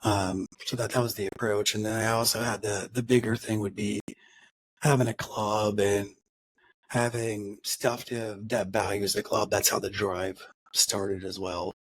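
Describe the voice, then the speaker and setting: A man's voice: on the low side, flat delivery, unhurried, fairly bright tone, husky, dry recording, poor audio. A man co-hosting a car podcast, chatting casually and rambling, with frequent restarts and acted-out quotes. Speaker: podcast co-host. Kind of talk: casual chat.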